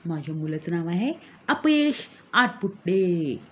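A woman's voice: fairly low pitch, big pitch swings, slow pace. A woman playing a smug, scheming village mother who brags and mocks in a comic sketch. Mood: boastful. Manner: smug, mocking, gleeful bragging. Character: boastful scheming village mother, con artist. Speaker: comic character monologue. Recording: tinny phone-like recording.

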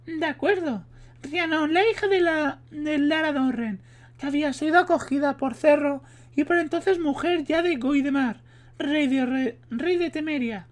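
A man from Spain reading aloud and putting on a high falsetto for a sorceress woman who tells history, stumbling now and then over the words. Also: unhurried. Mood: storytelling. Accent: Spain Spanish. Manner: reads with stumbles and restarts. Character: poised adult sorceress woman telling history.

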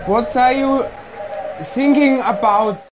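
A slow coast guard on radio. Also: male voice, extremely high pitch, very noisy. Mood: puzzled. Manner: slow, deliberate, unhurried replies. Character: calm, baffled male coast guard radio operator. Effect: marine radio transmission. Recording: distant radio voice over loud music.

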